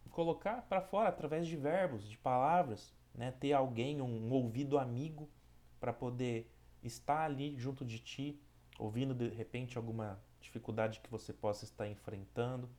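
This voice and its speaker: A man with a Brazilian Portuguese accent leads a spiritist study group. He reads a passage and then reflects on it calmly, often checking in with his listeners. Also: medium pitch, moderate pace. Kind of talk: reading a passage, then reflective teaching talk.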